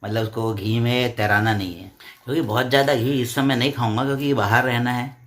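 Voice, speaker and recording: A man's voice: medium pitch, fairly even intonation, brisk. A man co-hosting a family vlog from his living room, chatting casually and explaining things at length with restarts. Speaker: vlogger, co-host. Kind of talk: casual home chat.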